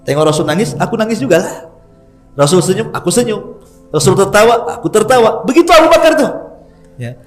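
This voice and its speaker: A middle-aged man, preaching in a lively, chatty storytelling style and joking with his listeners. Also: sits high, brisk, faint music behind. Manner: lively, chatty, jokes with the audience. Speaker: Islamic preacher. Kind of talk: storytelling sermon.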